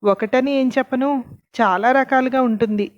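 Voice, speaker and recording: A woman's voice: high-pitched, muffled recording, lightly acted. A woman reading a frightened young wife. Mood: nervous. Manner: nervous, hurried. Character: frightened young wife, hiding her fear.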